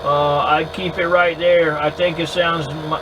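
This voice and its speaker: High-pitched man chatting on two-way radio. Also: level tone, measured pace. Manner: hesitant, easygoing, repeats words. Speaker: amateur radio operator recording contacts. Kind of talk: casual two-way radio chat. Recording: clear background hum and noise.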